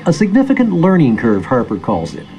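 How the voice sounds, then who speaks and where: A man's voice: on the high side, huge pitch swings, brisk, warm tone, soft background music. A man with an American accent narrating a scripted news feature as a public radio reporter, in a storytelling manner.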